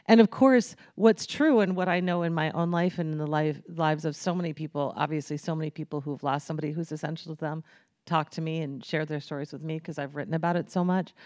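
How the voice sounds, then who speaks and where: A woman's voice: low-pitched, fast talker, darkish tone, no echo, clean studio sound. A woman author speaking earnestly and thoughtfully in a conversational interview.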